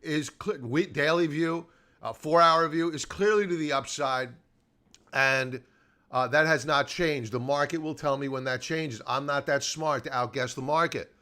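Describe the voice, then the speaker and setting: With a high-leaning, pushed and bright voice at a measured pace, a man gives live chart commentary on his stock trading show. He acts as host and technical analyst, staying informal and emphatic while repeating key points and answering his own questions.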